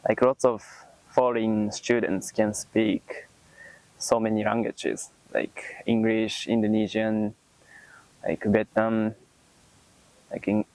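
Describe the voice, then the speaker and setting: A man's voice: fairly low pitch, little pitch movement, takes it slowly, pauses often, darkish tone, no room sound, poor audio. A man in his twenties with a Japanese accent, a university student answering interview questions in English, his second language, with frequent "like" and "um". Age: 20s. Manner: hesitant, many fillers like "like" and "um".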